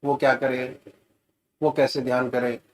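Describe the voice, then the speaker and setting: A man giving gentle, soothing guided meditation instructions as a spiritual teacher. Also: medium pitch, flat delivery. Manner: slow, gentle, soothing guidance with rising emphasis.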